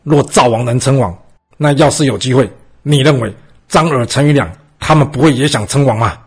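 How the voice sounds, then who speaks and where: A man voicing a bold, clever young male army cook who argues calmly and persuasively. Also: mid-range voice, brisk, slightly rough.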